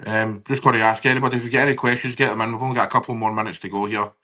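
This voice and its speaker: A man's voice: fairly low pitch, steady tone, very fast, sharp tone. A man with a broad Scottish accent hosting a casual live football interview in an informal, matey way. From Scotland. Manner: informal, matey, colloquial phrasing. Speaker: football podcast host and interviewer.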